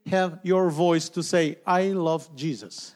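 A man's voice: on the high side, a little mellow. Man preaching in short, plain phrases. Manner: short phrases, pausing for the interpreter, rising to calls to the congregation. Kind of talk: sermon testimony in English, interpreted line by line.

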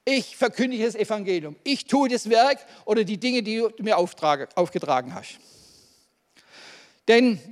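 A man's voice: sits high, animated, moderate pace. A man preaching a sermon to a congregation, emphatic, calling out Amens and asking the room questions. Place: church hall. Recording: long hall reverb.

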